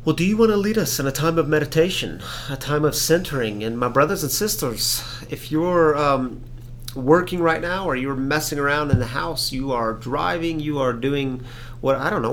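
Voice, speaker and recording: A man with a mid-pitched, creaky voice talks as a podcast host, casual and reflective. His delivery is halting and thoughtful. There is faint noise in the recording.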